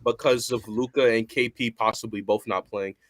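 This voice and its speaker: A man of middle pitch hosts a casual live sports chat. He is laid-back and easygoing, running through matchups in loose, conversational talk. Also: steady tone, moderate pace. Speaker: host.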